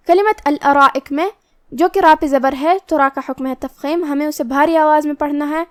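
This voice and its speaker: Woman, recitation teacher, methodical step-by-step explanation, high pitch, dry sound. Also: no echo. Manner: explains rules step by step, then recites verses slowly and drawn out. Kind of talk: tajweed lesson with slow recitation.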